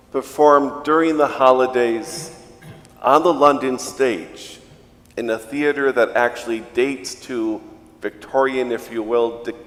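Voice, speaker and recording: A man, a priest, reading the gospel and preaching at mass in a slow, measured way, his voice ringing with a cathedral echo in a large church. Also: mid-range voice. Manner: slow, measured liturgical delivery.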